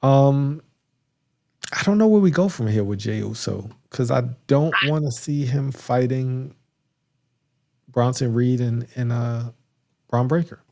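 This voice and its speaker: A man's voice: mid-range voice, a little slow, vocal fry, pauses often, warm tone. A man co-hosting a podcast, recapping wrestling matches in a rambling casual chat, laughing now and then, with a touch of hiccups. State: has the hiccups. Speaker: podcast co-host.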